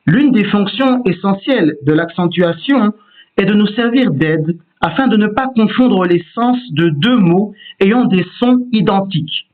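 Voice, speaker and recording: A man's voice: high-pitched, animated, unhurried. A man giving a patient, explanatory lesson on Hebrew word stress, demonstrating each pronunciation himself. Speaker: Hebrew teacher. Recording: tinny phone-like sound.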